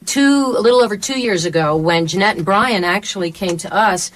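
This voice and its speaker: A woman's voice: mid-range voice, fairly quick, low-quality recording. A woman giving casual, enthusiastic interview answers as a member of a band.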